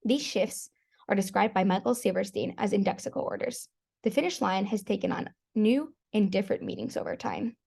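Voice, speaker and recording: A woman's voice: medium pitch, creaky, warm tone. A woman presenting a prerecorded academic conference talk, reading evenly from a script.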